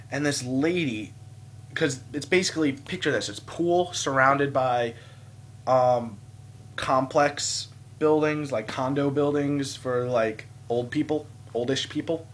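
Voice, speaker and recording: A young man vlogging in a casual, animated way, swearing freely and breaking into loud exclamations. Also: medium pitch, a little slow, slight background noise. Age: young adult. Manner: animated storyteller, swears, jumps to loud quoted outbursts. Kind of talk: casual vlog storytelling. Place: indoors at home, seated. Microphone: phone camera.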